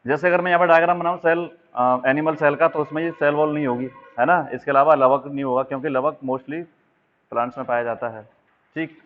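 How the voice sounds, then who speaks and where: A man with a fairly high-pitched voice teaches an exam-prep biology lesson over a tinny, phone-like line. He explains while drawing diagrams and checks in frequently.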